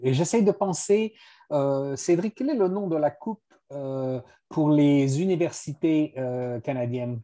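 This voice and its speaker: Eager male quiz player with a mellow, dark voice who repeats his agreement. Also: a little high, a little slow. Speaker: quiz contestant. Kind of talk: casual on-air banter.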